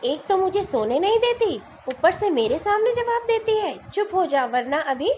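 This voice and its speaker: Teacher doing a grumpy lion king, kinda high for a lion, faint hum in the back. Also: very animated, measured pace. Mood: angry. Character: angry lion king of the jungle.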